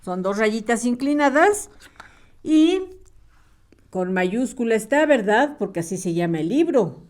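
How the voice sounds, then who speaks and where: Teacher type: woman, patient, sing-song, spells out syllables slowly for little kids, lively higher voice. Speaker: primary school teacher. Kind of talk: slow, clear early-reading lesson for small children.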